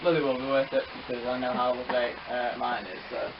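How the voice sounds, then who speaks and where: Excitable man, echoey muffled room. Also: mid-range voice, quick pace, background noise. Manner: excitable, breaks into playful race-caller bursts. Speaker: model railway hobbyist. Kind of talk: casual chat with bursts of mock race commentary.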